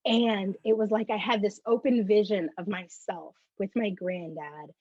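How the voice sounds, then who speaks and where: A bubbly woman with a breathy, slightly husky voice recounts her faith testimony as an interview guest. She tells the story in an animated way. The recording is dry and a little dull, lo-fi. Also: mid-range voice, a little slow, dry recording.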